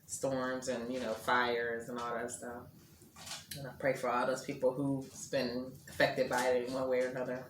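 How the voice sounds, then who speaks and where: A woman's voice: very deep voice, monotone, moderate pace. A middle-aged woman vlogging a meal at home, chatting casually to viewers and murmuring as she chews. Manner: chatty, chewing and murmuring between sentences. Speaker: mukbang vlogger. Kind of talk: casual chat while eating. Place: indoors at home. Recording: echoey room with faint ambient noise.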